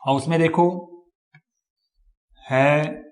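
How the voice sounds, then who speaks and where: A man teaching an exam-prep phonetics lecture, repeating each word slowly for the class and often turning away from the mic to write on the board. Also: fairly high pitch, steady tone.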